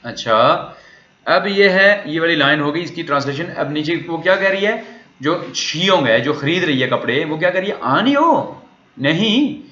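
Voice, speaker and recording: A man lectures with a high, bright voice, walking through a dialogue line by line. He keeps posing questions and answering them himself. The recording is roomy and somewhat muffled. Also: animated, moderate pace. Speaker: language teacher. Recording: echoey room, dull lo-fi sound.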